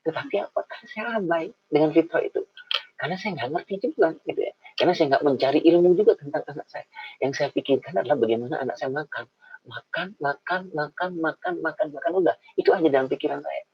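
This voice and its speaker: A middle-aged man giving a lively, informal talk on raising children, speaking to mothers and acting out parent and child voices. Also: on the high side, fast, husky, no room sound. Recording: dull lo-fi sound.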